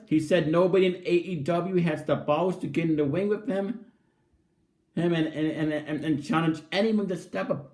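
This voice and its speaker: A man's voice: a little high, a little mellow. A man giving a casual spoken review of a wrestling show as an enthusiastic fan, often repeating and restarting his phrases.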